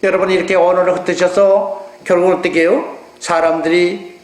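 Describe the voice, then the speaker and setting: Male pastor, Jeolla accent, high voice, animated sermon, rhetorical questions, echoey room, mains hum. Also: a little fast. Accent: Jeolla Korean.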